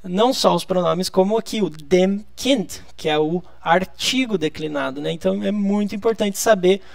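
Brazilian man teaching, high dry voice. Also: normal speed, vocal fry, darkish tone, no echo. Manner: explains patiently, drawing out key words. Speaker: German teacher. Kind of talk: live online lesson.

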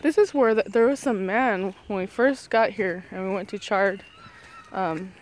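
A woman's voice: medium pitch, unhurried, a little hiss or hum. A woman vlogging while out walking, chatting casually, laughing often and cooing at animals. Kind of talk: casual chat on a walk.

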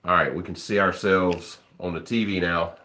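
A man's voice: deep voice, fairly even intonation, moderate pace, sharp tone. A man hosting a casual live stream, chatting loosely and joking with viewers he greets by name. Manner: laid-back, joking, talks to chat viewers by name. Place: home room with a TV.

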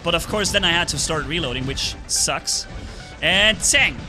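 A man giving live gameplay commentary on his own stream, excited play-by-play with sound effects. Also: on the high side, normal speed, over music. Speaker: gaming streamer.

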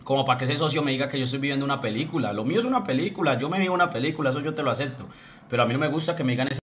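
A man's voice: mid-range voice, racing, a little hiss or hum. A young man, ranting on a livestream in a heated, blunt way, swearing and repeating himself. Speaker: streamer. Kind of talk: livestream rant.

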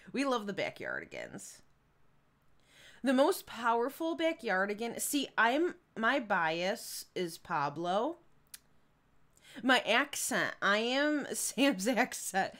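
A lowish, somewhat bright voice belongs to a young woman from the Chicago area with a Midwestern accent. She streams a game and offers relaxed live commentary, wandering off with fillers and giggling.

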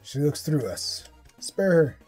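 Very low-voiced, lively woman playing games. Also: takes it slowly, breathy edge, faint music behind. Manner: excitable, jokey. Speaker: gaming co-commentator. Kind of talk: casual let's play commentary.

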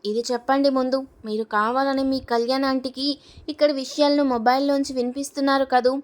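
A woman voicing a proud, sharp-tongued young bride in a storybook reading, blunt and defiant. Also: high-pitched, little pitch movement, quick pace, natural voice. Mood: angry.

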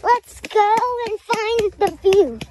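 Young woman vlogger, unhurried, exclamatory, filmed on a phone on a noisy outdoor trail. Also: extremely high pitch. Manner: chatty, exclaiming at sights. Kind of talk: casual hiking vlog. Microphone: handheld phone. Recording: outdoor phone audio with background noise. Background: outdoor ambience.

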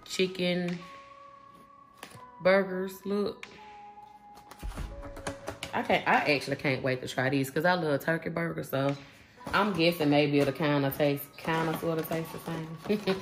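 A woman, chatting casually through a grocery haul in her home kitchen, relaxed and full of fillers. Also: low-pitched, unhurried, long pauses, over music. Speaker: vlogger.

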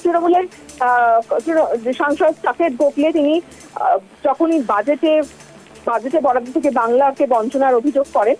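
High-voiced woman reporter explaining. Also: moderate pace, a little mellow, soft background music, poor audio. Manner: hesitant, with fillers and restarts. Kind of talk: live news analysis.

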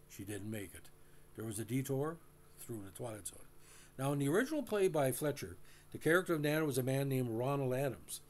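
Halting man recapping an old TV episode. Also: mid-range voice. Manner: halting, many uh fillers and restarts; addresses listeners directly. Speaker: host. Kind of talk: casual recap and commentary.

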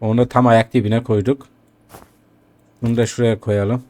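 A man's voice: mid-range voice, flat delivery, moderate pace, a little mellow. Guy doing casual lets-play commentary, talks to his viewers, keeps grumbling and cussing at the game. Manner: chatty, addresses viewers, grumbles and swears at the game. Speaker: gaming YouTuber.

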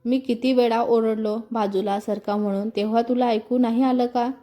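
A stubborn young man who shouts back defiantly, as a woman narrator reads him. The voice stays high and mellow, with faint music behind. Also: fairly even intonation, normal speed, close to an everyday voice. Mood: angry.

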